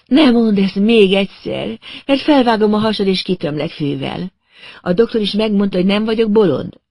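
A man's voice: high-pitched, creaky, darkish tone, no echo, pitched above the performer's own voice. A man voicing an unhinged, vengeful young woman. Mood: feverish. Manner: feverish, fixated, menacing. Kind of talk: audiobook reading.

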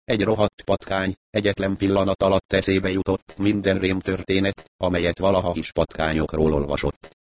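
Deep-voiced man reading a story. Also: flat delivery. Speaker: audiobook narrator. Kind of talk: scripted narration.

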